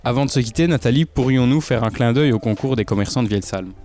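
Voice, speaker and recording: A man with a mid-range voice, hosting a radio segment. He reads scripted announcements clearly and evenly. Soft music runs under him. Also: medium pitch, fast talker. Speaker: radio host.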